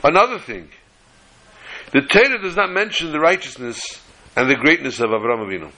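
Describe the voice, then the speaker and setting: A man with gives a religious lecture as a rabbi, reading and explaining texts deliberately and repeating phrases for emphasis. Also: on the high side, animated, bright, forceful tone, rough recording. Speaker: rabbi giving a Torah lesson.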